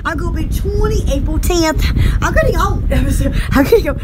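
Giddy high-voiced young Southern woman. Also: lively intonation, normal speed, noisy background. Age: young adult. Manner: giddy, squealing, repeats herself, rambling. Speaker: live-stream host. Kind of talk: excited live-stream chat. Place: small bedroom indoors. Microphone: webcam close up.

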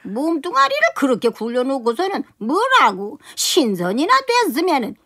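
A woman's voice: high-pitched, big pitch swings, moderate pace, a bit bright, full character voice. A woman voicing a cranky old Taoist sage in a radio comedy, scolding and mocking his servant. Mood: lecturing. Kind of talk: radio comedy sketch acting.

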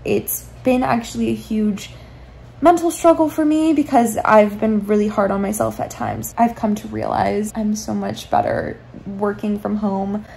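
A woman's voice: mid-range voice, expressive, a little slow, vocal fry, slight background noise, low-quality recording. A woman in her twenties, lying in bed, chatting casually into a phone camera about her life in a reflective, meandering way. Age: 20s. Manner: reflective, meandering, soft-spoken. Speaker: vlogger. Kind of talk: casual confessional chat. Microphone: phone camera held at arm's length.

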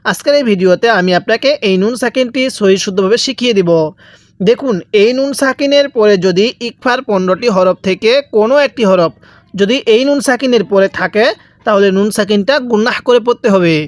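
Guy teaching quran reading step by step, bangladeshi bengali accent, drills letter by letter, smooth voice, no room echo. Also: high-pitched, brisk. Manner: drills letter by letter, asks and answers own questions. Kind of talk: slow spelled-out recitation lesson.

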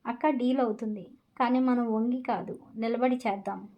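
A woman reading the lines of a bold, principled young woman who speaks calmly and directly. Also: on the high side, moderate pace, dull audio, close to an everyday voice. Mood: steady.

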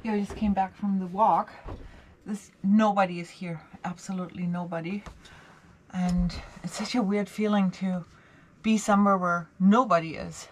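A woman's voice: mid-range voice, fairly even intonation, moderate pace. A young woman talking casually to camera as a sailing vlogger, marvelling and laughing often. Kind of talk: casual vlog narration to camera. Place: sailboat deck in snow, then boat cabin. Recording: wind and water noise outdoors.

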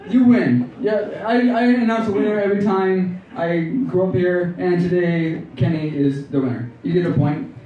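A man doing an open-mic stand-up set on a club stage, talking in a halting, rambling way with many restarts. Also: high voice, narrow, tinny audio. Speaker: stand-up comedian. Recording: distant, echoey club with loud crowd. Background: audience laughter.

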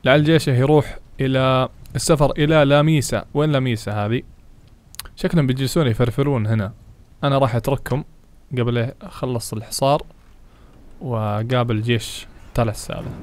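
A man giving excitable let's play commentary, chatting to his viewers and reading game text aloud as he plays. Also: mid-range voice, fairly quick, pauses often. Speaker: gaming channel host.

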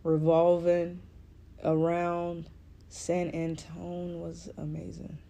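Low, dark-voiced playful woman storyteller. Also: gravelly. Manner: playful, expressive, drawn-out storytelling. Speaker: podcast co-host. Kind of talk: casual storytelling chat.

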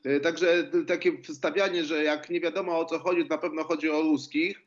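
Skeptical male journalist guest, somewhat high voice, ironic tone, muffled lo-fi sound. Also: steady tone, moderate pace. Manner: ironic, skeptical, vivid examples. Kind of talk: studio political debate.

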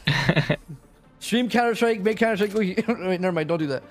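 A man's voice: sits high, normal speed, faint music behind. A man streaming and chatting casually with friends, laughing often as he tells stories.

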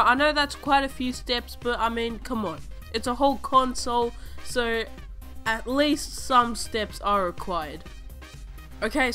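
A young woman with a slightly high, bright voice hosts a gaming channel, sounding stuffy from a cold. Recording a casual voice-over at home over gameplay footage, she chattily guides viewers through a game tutorial, repeating instructions step by step.

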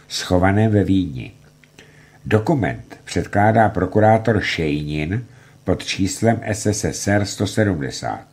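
A man reading a documentary book aloud in a measured, expressive way. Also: low-pitched, slightly rough. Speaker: reader.

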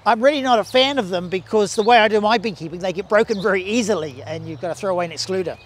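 This man's voice is high and fast, with slight background noise. He's in his sixties, has a New Zealand accent, and is a bee scientist giving an outdoor demonstration of hive equipment in a garden beside beehives, restarting sentences and gesturing as he talks.

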